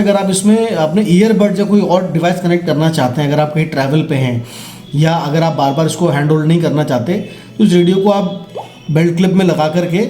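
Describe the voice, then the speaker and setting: A man with an Indian accent gives a casual instructional product demo, explaining as he goes and checking in with listeners through tag questions. His voice is on the high side with a dark tone, and the recording has roomy echo with faint music behind.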